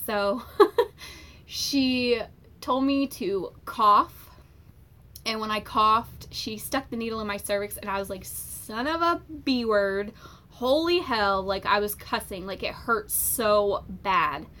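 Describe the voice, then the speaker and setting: Young woman vlogger, bright voice, casual storytelling with lots of fillers. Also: mid-range voice. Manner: chatty, many fillers, animated retelling.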